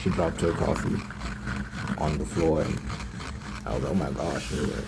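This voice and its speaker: In a casual ASMR roleplay monologue, a man plays a smitten, naive young man gushing about his new girlfriend. His creaky voice keeps a fairly even intonation and measured pace, and his telling is hesitant, repetitive, and slangy. The lo-fi recording has loud rumbling noise.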